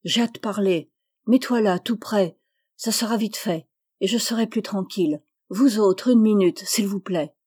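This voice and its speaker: A woman's voice: medium pitch, measured pace, darkish tone, husky. A woman voicing a middle-aged country landowner, hearty and firm in his commands, in a read-aloud story.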